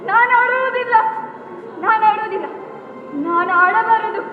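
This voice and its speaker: A woman's voice: very high voice, a little slow. A young woman acting a grieving, defiant pregnant widow in a stage drama, declaiming and repeating her vows. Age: young adult. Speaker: student stage actor. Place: stage in a hall. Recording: echoey hall, tinny phone-like sound, music behind.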